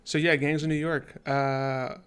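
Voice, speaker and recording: A man's voice: a little high, little pitch movement, a little slow, fairly bright tone, smooth. A young man co-hosting a casual podcast, rambling through a movie review with plenty of fillers. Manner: easygoing, rambling, many fillers. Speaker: podcast co-host.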